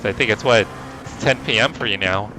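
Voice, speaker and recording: A man's voice: fairly low pitch, brisk, music in the background, rough recording. A man streaming while he races, chatting casually with viewers and muttering asides to himself as he drives. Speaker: sim racing livestreamer and driver. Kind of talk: casual livestream chat while racing. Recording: clear car engine noise behind. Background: racing car engine.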